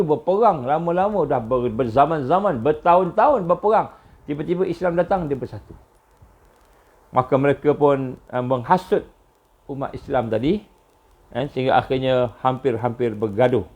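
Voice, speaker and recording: A man with a Malaysian Malay accent giving a religious lecture, telling stories with lots of repetition and a voice that jumps high on key points. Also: animated, moderate pace, breathy edge, highs cut off.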